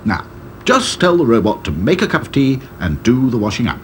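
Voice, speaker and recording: A man voicing an eager, boastful old male inventor who talks in a bubbly, excitable way. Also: medium pitch, fairly quick, a little hiss or hum, pitched above the performer's own voice, close to an everyday voice.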